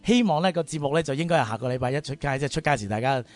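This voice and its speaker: A man's voice: a little high, expressive, rapid-fire. A man with a Hong Kong Cantonese accent hosting a radio interview in a chatty, colloquial way, with long-winded questions. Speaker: radio show host. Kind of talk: conversational interview.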